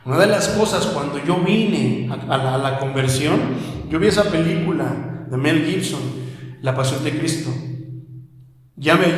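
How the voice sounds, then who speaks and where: A man with a Mexican accent, preaching a sermon as a pastor in a small house of prayer, asking the congregation many rhetorical questions. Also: a little high. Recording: echoey hall with long reverb.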